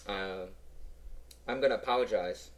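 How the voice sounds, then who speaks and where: A man's voice: lowish voice, moderate pace. A hungover man hosting a podcast in casual chat, talking while he eats. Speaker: podcast host.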